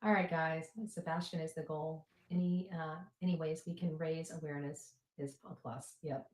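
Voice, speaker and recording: A woman hosts a casual livestream for her followers as a host and advocate, rambling and repeating herself for emphasis. Her low voice is flat and darkish in tone at normal speed. The replayed livestream sounds roomy and echoing.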